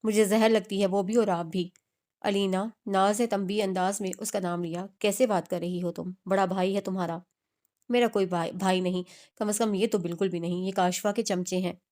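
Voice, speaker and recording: A woman's voice: medium pitch, fairly even intonation, moderate pace, a little mellow. A woman narrating a romance novel, reading all the characters' dialogue in a near-plain voice with small restarts. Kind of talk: scripted audiobook narration.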